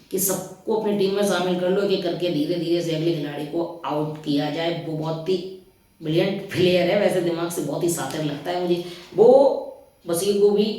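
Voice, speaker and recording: A man's voice: on the high side, a little mellow. A man giving casual, opinionated spoken commentary on a reality show, chatting straight at his listeners. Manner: chatty, opinionated, keeps addressing listeners as brother. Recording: very echoey room, far from the mic.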